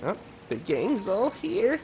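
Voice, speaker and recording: Chill streamer guy chatting slangy over his game, bouncy tone, music loud. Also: high-pitched, huge pitch swings, takes it slowly, gravelly. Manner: laid-back, chatty, slangy. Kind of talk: casual gameplay commentary.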